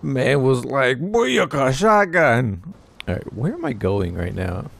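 A man's voice: mid-range voice, expressive, moderate pace, creaky, a little hiss or hum. A young man giving casual, profane commentary while playing a video game, talking back to the enemies on screen. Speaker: gaming YouTuber. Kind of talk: casual let's play commentary. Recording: game music behind voice.

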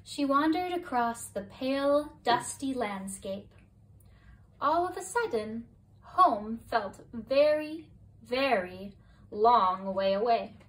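A woman reading a children's picture book aloud as a bedtime story, slow and expressive, her voice a bit distant from the mic. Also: fairly high pitch. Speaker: storybook reader.

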